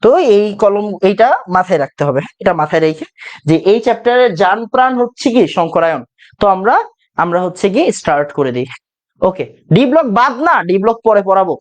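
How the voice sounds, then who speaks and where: A male teacher runs an exam-prep chemistry lecture. His voice sits high and swings widely in pitch. He drills each point by repeating it and by asking questions that he then answers himself. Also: lively intonation, fast talker. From Bangladesh. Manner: repeats key phrases, asks questions and answers them himself.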